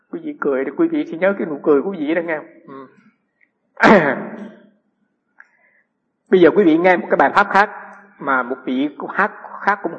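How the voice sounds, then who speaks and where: A man who is a Buddhist monk gives a dharma talk in a fairly high, slightly rough voice with vocal fry. He relies on anecdotes and rhetorical questions aimed at the audience. A long hall reverb hangs over the dull, lo-fi recording.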